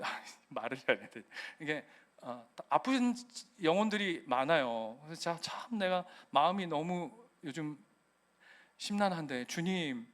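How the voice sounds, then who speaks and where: Lively high-voiced pastor preaching. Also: male voice. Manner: animated storytelling, acting out quoted voices. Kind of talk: sermon.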